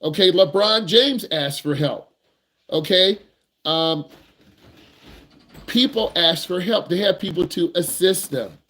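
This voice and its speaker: A driving instructor talks straight to the camera with plenty of energy and emphasis. His voice is high for a man, and now and then he puts on a nervous student's voice. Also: takes it slowly, pauses often. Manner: animated, emphatic, acts out nervous students in a higher voice.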